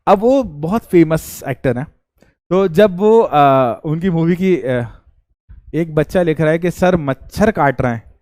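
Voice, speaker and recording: A man with a fairly high, slightly mellow voice teaches a live online science class, speaking slowly and expressively. Chatty and teasing, he keeps posing questions to students before answering them himself; the sound is dry and close-miked with no room echo.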